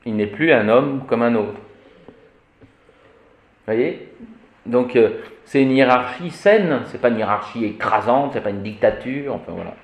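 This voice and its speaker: A man teaching Latin in a classroom lecture, animated and fond of vivid examples, often checking that his listeners follow. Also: medium pitch, reverberant, highs cut off. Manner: animated, repeats "vous voyez", vivid examples.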